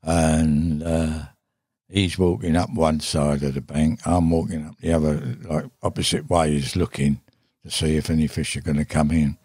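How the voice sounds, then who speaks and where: An older man with a very low, husky voice tells a long, rambling tale as a podcast guest. He talks casually and saltily, swearing freely and stopping on fillers. The studio sound is close and dry. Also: level tone, normal speed, a little mellow, no echo. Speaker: podcast guest, veteran angler. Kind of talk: casual anecdotal storytelling.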